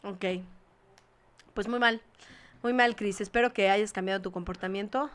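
A Mexican woman co-hosting a radio show, teasing, laughing often and trailing off quietly. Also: medium pitch, fairly even intonation, moderate pace. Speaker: co-host. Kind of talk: casual chat.

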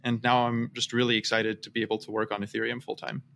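Thirties male podcast guest, middle pitch, loose rambling delivery full of restarts. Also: flat delivery, fast, vocal fry, a bit bright, slight background noise. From Austria, raised in the US. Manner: rambling, many restarts and fillers. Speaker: guest, startup founder. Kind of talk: casual podcast interview.

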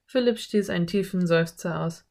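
A woman reading a children's story as narrator in an even storytelling manner. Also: on the low side, normal speed, gravelly. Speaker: audiobook narrator. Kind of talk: scripted narration.

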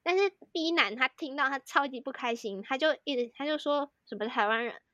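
A woman's voice: high-pitched, brisk, bright, forceful tone, dry recording, lo-fi sound. A young woman from Taiwan with a Taiwanese Mandarin accent, co-hosting a podcast and telling a story in casual chat, full of fillers as she strings sentences together. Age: young adult. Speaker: podcast co-host, student in Korea.

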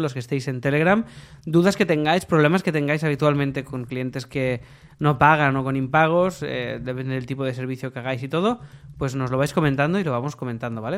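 A man from co-hosting a podcast who lays out advice step by step. His voice sits somewhat high for a man. His delivery is casual and conversational. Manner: explanatory, gives practical tips. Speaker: podcast co-host. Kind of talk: casual chat.

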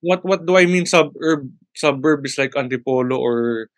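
A man chatting casually as a podcast co-host, halting often to search for words and mixing in English phrases. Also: mid-range voice, no room sound, clean studio sound. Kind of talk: casual chat.

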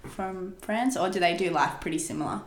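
A woman's voice: on the low side, fairly quick. A woman co-hosting a casual chat, speaking in an affirming, encouraging way. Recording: roomy, echoing sound.

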